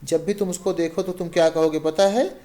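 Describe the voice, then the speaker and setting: A man's voice: on the high side, steady tone, a little fast, mellow. A man teaching a class, reading a play aloud and acting out the characters' lines, switching between English and Hindi.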